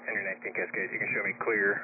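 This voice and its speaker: A male police officer in the field answering in rapid, clipped codes over a police radio transmission. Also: fairly low pitch, flat delivery, phone-quality sound. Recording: very noisy, thin radio channel.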